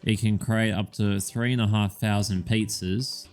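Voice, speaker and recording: A man's voice: fairly low pitch, steady tone, a little slow, a little mellow, clear, resonant tone, soft background music. A man co-hosting a podcast in casual chat, rambling with lots of "um"s and casual swearing. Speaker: podcast co-host.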